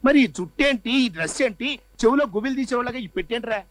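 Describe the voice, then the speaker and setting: A man's voice: extremely high pitch, animated, quick pace, a little hiss or hum, low-quality recording. An actor playing a fussy, theatrical rich father who dotes on his daughter. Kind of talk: Telugu film comedy acting.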